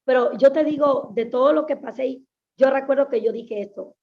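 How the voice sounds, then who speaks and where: A woman's voice: high voice, normal speed, gravelly. A woman pastor giving an earnest, emphatic personal testimony in an interview, often repeating her phrases. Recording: dull lo-fi sound.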